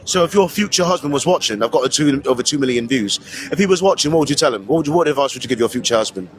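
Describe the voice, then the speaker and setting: A man interviewing a stranger on a city street in a put-on London accent, quick and slangy. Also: medium pitch, lively intonation. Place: busy city street, outdoors. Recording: street crowd behind.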